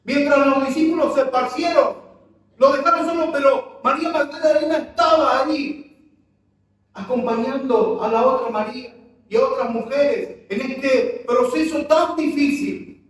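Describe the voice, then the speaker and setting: In a very echoey church hall, with the microphone placed far away, a pastor delivers an impassioned sermon packed with rhetorical questions for his congregation. His voice is very high and his delivery a little slow.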